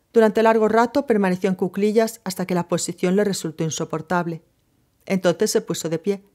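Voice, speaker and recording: Woman narrator, measured literary audiobook reading, mid pitch. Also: a little mellow. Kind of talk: scripted novel narration.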